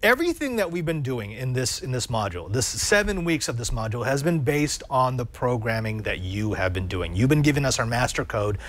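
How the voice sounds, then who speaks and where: A man's voice: mid-range voice, brisk, few pauses. A man co-hosting a coding show, bantering playfully and giving showy guest introductions. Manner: animated, playful showman introductions. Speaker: co-host. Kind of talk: lively studio banter.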